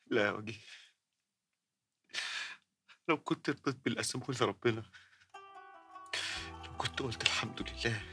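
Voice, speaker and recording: An actor playing a guilt-ridden man facing execution, confessing his betrayals to a friend in halting, despairing Egyptian Arabic. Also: medium pitch, pushed and bright, faint music behind. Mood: anguished.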